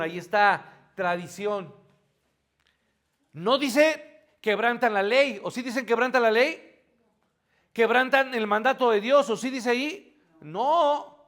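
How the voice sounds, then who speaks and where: A man's voice: high-pitched, a bit bright. A man preaching a morning church sermon in a conversational teaching style, often asking the congregation questions and answering them himself, with homely asides.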